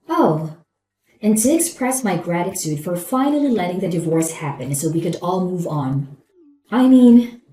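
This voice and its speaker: Smug, animated new wife, acted by a woman. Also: on the low side, roomy sound, poor audio. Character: smug, gloating, falsely polite new wife. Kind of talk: scripted story dialogue.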